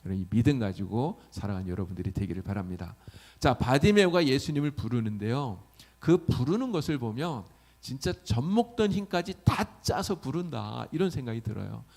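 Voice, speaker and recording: A man's voice: mid-range voice, animated, moderate pace, vocal fry, a little mellow. A male pastor preaching a sermon, often asking the congregation questions.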